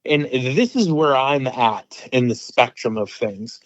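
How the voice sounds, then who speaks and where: A retired veteran talking in a casual podcast conversation, opinionated and rambling with many fillers. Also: male voice, medium pitch, animated, slow pace, no room sound. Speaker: retired military veteran guest. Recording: dry, dull lo-fi sound.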